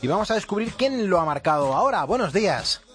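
Animated, quick Spanish man hosting radio. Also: high-pitched, soft background music. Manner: teasing, familiar. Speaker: radio host. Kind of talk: casual phone-in chat.

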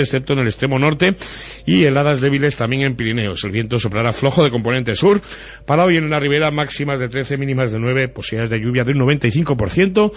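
Husky male local radio presenter. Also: mid-range voice. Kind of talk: conversational news and weather reading. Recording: dull lo-fi radio audio.

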